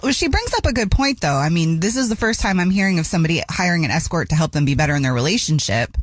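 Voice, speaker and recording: A woman's voice: fairly low pitch, animated, fast talker, no room sound, clean studio sound. Chatty radio co-host woman. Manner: chatty, questioning. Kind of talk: radio talk show.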